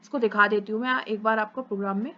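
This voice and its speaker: A young woman teaching programming in a casual, brisk and reassuring lecture, mixing English terms into her speech. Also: medium pitch, fairly even intonation. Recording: dull lo-fi recording.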